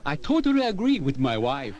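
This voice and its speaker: A man giving unhurried interview recollections and explanations about his own life. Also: on the high side, wildly swooping pitch, highs cut off, a crowd in the background.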